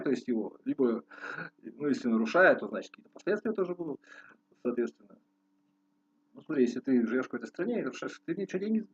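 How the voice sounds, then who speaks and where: This Russian man, a musician who vlogs, chats loosely to his viewers, frequently abandoning sentences and starting over, with some slow, thoughtful stretches. He has a mid-range, slightly rough voice, and the audio sounds dull.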